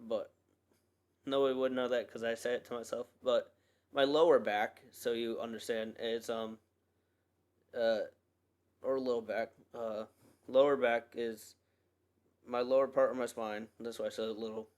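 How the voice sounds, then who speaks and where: A man's voice: mid-range voice, little pitch movement, a little slow, pauses often, darkish tone, clear, resonant tone. A young man hosting a podcast, talking through a personal monologue in an earnest, rambling way, full of fillers and restarts. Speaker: podcast host.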